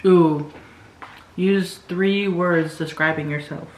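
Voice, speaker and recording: A woman's voice: fairly low pitch, fairly even intonation, slow, a little mellow. A woman in her twenties chatting casually with friends in a playful, teasing way. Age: 20s. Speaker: participant in a group mukbang chat. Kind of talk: casual chat among friends. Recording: roomy echo, faint background noise.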